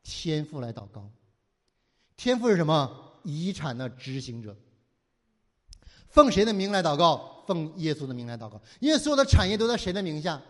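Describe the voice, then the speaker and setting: A man's voice: a little high, very animated, normal speed, in a large hall. A man preaching a sermon, firing rhetorical questions at his listeners and mockingly acting out whiny pleading prayers. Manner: preaching with constant rhetorical questions for the audience to answer. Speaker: pastor.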